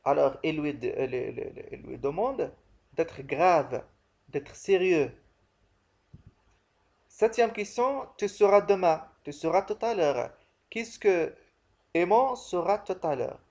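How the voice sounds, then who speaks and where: A man's voice: a little high, animated, takes it slowly, creaky, long pauses, darkish tone. A man teaching a literature lesson, working through questions and answers in a didactic way and repeating key phrases.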